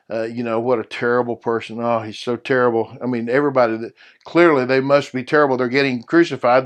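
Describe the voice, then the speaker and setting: A middle-aged man teaching a Bible study lesson in a conversational way, often checking in with his listeners. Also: medium pitch.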